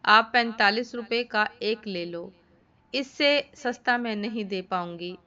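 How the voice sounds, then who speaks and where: A woman voicing a kind young girl selling watermelons, speaking gently and affectionately in a storybook reading. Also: on the high side, slow. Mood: gentle. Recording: dull lo-fi recording.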